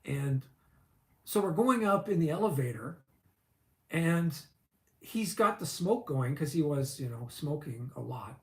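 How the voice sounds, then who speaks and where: A man's voice: fairly high pitch, expressive, measured pace, echoey room. A man in his fifties, a vlogger, telling a long personal story in a chatty, rambling way full of fillers and asides. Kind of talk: casual storytelling.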